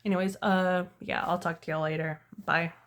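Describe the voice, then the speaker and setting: A woman's voice: lowish voice, flat delivery, moderate pace. A young woman, talking candidly to camera in a casual storytime vlog, tired and losing her voice. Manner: candid, rambling, self-deprecating. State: tired, voice going hoarse. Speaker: vlogger.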